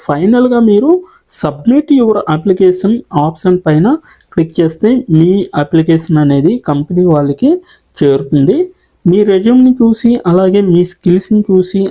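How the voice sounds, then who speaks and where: A channel host walking viewers step by step through an online job application, reading each English question slowly and then explaining it patiently. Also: mid-range voice, mellow. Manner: patient, repetitive explaining, listing options one by one.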